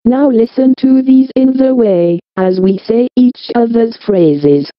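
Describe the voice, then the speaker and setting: A synthetic text-to-speech voice of a British woman, speaking in a flat, monotone computer delivery. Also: a little high, slow pace, no echo. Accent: British English. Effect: robotic text-to-speech voice. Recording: dull, dry lo-fi computer audio.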